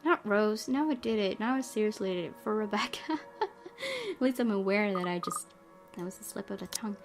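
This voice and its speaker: Her medium-pitched voice has a sing-song quality and moves at a moderate pace. The woman is streaming a visual novel, reading it aloud with casual let's-play commentary over faint music.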